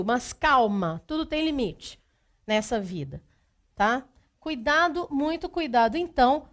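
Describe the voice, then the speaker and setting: Woman teacher, high voice, goes over grammar rules again and again, keeps checking you got it. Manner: methodical, repeats rules, checks in with "tá?"; speaks straight to the student. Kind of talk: exam-prep grammar lesson.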